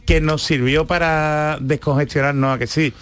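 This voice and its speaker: A man's voice: fairly high pitch, fairly even intonation, moderate pace, a bit bright, clean tone. A man hosting a radio talk show, chatty and earnest, often checking that the others agree. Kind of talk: casual radio chat.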